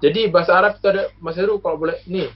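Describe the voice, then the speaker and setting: Man, from lombok indonesia, guest, patient explainer, hesitant fillers, slightly high voice, muffled sound. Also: steady tone, very fast. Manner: patient lecturing, full of hesitations and examples. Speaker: guest, university alumnus. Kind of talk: casual explanatory chat. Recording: muffled lo-fi recording.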